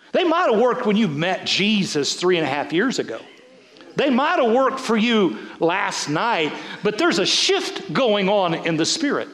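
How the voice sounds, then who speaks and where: Man preaching, high voice, very lively pitch, storytelling with restarts. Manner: storytelling, animated, stammering restarts. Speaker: pastor. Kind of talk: sermon.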